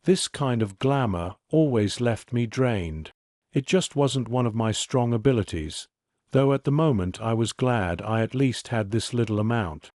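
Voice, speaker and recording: A man's voice: mid-range voice, animated, unhurried, a little mellow, dry recording. Man narrating a novel, dry close sound. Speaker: audiobook narrator. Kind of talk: first-person scripted narration.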